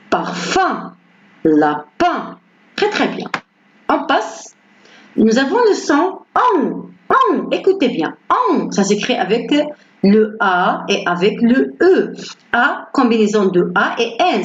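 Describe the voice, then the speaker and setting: A woman teaching beginners French pronunciation, patiently repeating each word slowly and clearly; her first language is Arabic. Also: fairly high pitch. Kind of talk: slow beginner pronunciation lesson. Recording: roomy, slightly dull recording with faint ambience.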